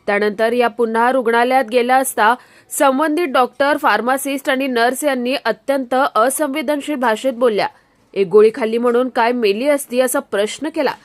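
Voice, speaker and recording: A woman narrates a regional news report in a high voice with formal, measured delivery. The recording is close and dry, with no room sound. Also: dry recording.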